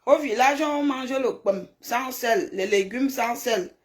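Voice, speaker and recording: A woman from francophone Africa who grew up in a village replies to viewers' comments on a casual live stream, speaking slowly in a slightly high voice. She's blunt and scolding, emphatic, and repeats herself, with slight background noise.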